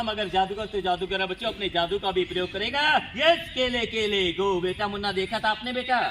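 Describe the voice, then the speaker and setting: A male magician with a high voice talks to a school audience and keeps calling out to the children. He tells stories in a lively, repetitive way. Loud noise from the school event runs underneath. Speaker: stage magician. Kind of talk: magic show patter for schoolchildren. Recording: noisy school show recording.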